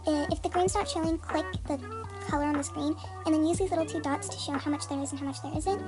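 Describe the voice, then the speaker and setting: Very high voice through a voice changer. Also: steady tone, fast, music in the background. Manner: chatty, many "like" and "um" fillers. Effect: voice changer disguising the voice, pitched very high. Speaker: tutorial channel host. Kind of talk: casual step-by-step tutorial.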